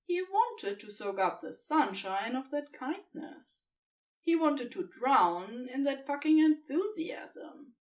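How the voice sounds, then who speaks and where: Sitting slightly back from the microphone, a woman with a high voice narrates a fiction audiobook very slowly and expressively, with dramatic, emphatic pauses.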